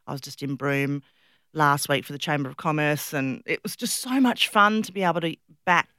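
A middle-aged woman with an Australian accent, chatting and telling stories as an interview guest in an animated, self-deprecating way. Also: sits low, moderate pace, smooth, dry recording, studio quality. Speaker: interview guest, public speaker and former competitive swimmer. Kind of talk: casual conversational interview, storytelling.

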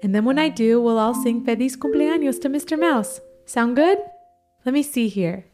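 A woman's voice: on the high side, music in the background. A woman from Ecuador co-hosting a children's Spanish lesson, upbeat and encouraging. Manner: warm, upbeat, encouraging, slow teacher-like delivery. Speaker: co-host and Spanish teacher.

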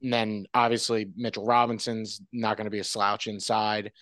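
A man, a guest sportswriter, chatting casually on a podcast in a relaxed, rambling way with frequent restarts. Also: on the low side, normal speed, no echo.

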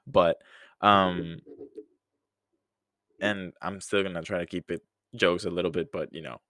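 A young man in his early twenties with a very low voice talks through a casual solo podcast. He takes his time, rambling with sighs and small laughs. The recording is close and dry, with no room sound. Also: fairly even intonation, slow, fairly bright tone, no room sound. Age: early 20s. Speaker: podcast host.

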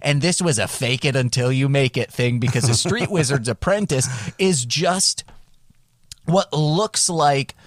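A man chats on a podcast in an easygoing, animated way, cracking jokes as he tells stories. His voice sits in a middling register. The sound is dry and close, with no room around it. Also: mid-range voice, a little slow, no echo. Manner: animated, jokey storytelling. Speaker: podcast co-host. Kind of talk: casual podcast chat.

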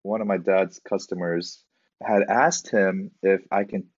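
A man from Southern California, a podcast guest, telling laughing anecdotes in a relaxed, casual way. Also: sits low, measured pace, no echo, muffled recording. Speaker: guest, professional drift driver.

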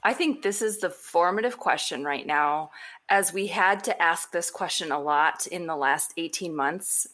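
A woman pastor talking casually as a podcast guest, animated and quick to laugh. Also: fairly low pitch.

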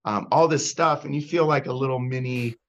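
A man speaks as a guest on a podcast, chatting casually in a mid-range voice that is a little fast and fairly bright, though the audio sounds dull. He's a comedy content creator who rambles, interrupts himself, restarts, and leans on lots of fillers.

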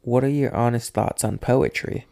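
A man's voice: mid-range voice, normal speed, gravelly, mellow. A young American man co-hosting a podcast, asking questions in casual, loosely phrased chat.

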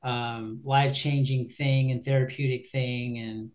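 A man's voice: medium pitch, little pitch movement, measured pace, a little mellow, lo-fi sound. A man in his forties, a musician guest, chatting casually in an interview, easygoing and rambling with many ums. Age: 40s.

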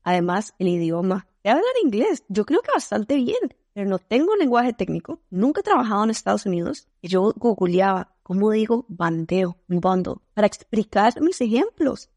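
A woman's voice: medium pitch, big pitch swings, moderate pace, few pauses, a little mellow, no room sound. Candid Costa Rican woman, dry sound. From Costa Rica. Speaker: guest. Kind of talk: casual podcast conversation.

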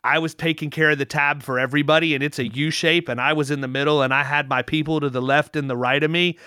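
A middle-aged man in casual conversation, telling long rambling anecdotes with restarts and lively quoted dialogue. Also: fairly high pitch, fast talker, clean tone, no room sound, studio quality.

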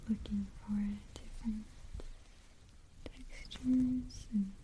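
A woman whispering gently in an ASMR roleplay as a hair stylist, asking soft questions. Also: on the high side, fairly even intonation, slow pace, slight background noise.

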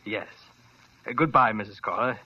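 In a dull old radio recording, an actor with a natural, lowish voice and moderate pace plays a worried older male doctor in 1940s radio style. He talks earnestly and hesitantly, full of uh's.

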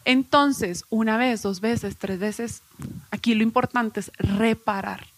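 A woman speaking as a guest expert to a room of mothers, her voice sitting a little high. She explains patiently and slips into short acted examples of parents talking to children. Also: takes it slowly, no echo. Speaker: guest educational psychologist. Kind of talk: explanatory talk at a live event.

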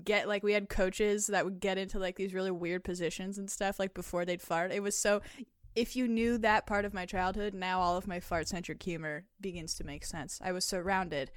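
A woman's voice: mid-range voice, normal speed, no echo, studio quality. A woman co-hosting a casual podcast, reading listener stories aloud with lots of laughter and a loose, chatty delivery. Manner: laughs often, animated reading, filler likes.

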